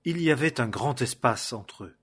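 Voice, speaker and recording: A man reading scripture aloud in a measured way, announcing paragraphs and verses. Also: mid-range voice, animated, fairly bright tone, husky. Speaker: scripture reader.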